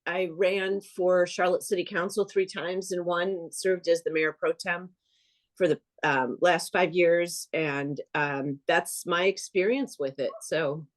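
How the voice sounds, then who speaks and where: A former city council member introduces herself on a video call and keeps it short. Her voice is slightly low. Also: fairly even intonation. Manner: quick, brief.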